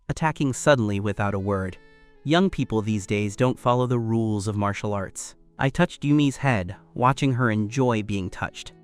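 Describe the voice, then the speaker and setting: A man narrating a story recap in first person, in a steady scripted storytelling read. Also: mid-range voice.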